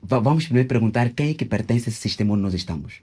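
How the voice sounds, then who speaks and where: A man, speaking in a husky, slightly breathy voice. He teaches as he talks and slows down to sound out words syllable by syllable, with frequent hesitations. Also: lowish voice, expressive, mellow. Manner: didactic, spells out Kikongo words syllable by syllable with many hesitations. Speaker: interviewee, self-proclaimed traditional king. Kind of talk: explanatory interview answers.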